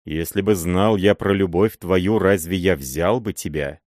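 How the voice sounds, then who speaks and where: Мужчина читает за сурового старого боярина. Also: male voice, sits low, a little mellow, dry recording, clean studio sound. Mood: горький укор. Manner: bitter, cold, measured reproach. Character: stern old boyar, jealous betrayed husband.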